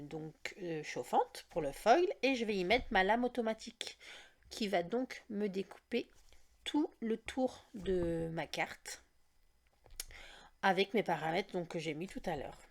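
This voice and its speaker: A woman's voice: lowish voice, gravelly, a little mellow. A woman hosting a casual step-by-step craft tutorial, chatty and explaining each click as she goes. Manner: chatty, leans on "donc" and "d'accord?".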